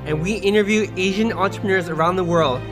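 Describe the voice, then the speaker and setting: A man's voice: high voice, quick pace. A man co-hosting a podcast, reading the scripted show intro in an upbeat, announcer-like way. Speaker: podcast co-host. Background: music bed.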